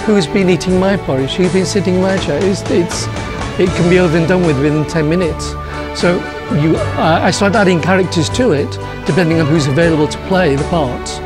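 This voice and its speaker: A man being interviewed as a theatre writer-director, explaining haltingly and repeating words as he goes. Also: high-pitched. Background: music.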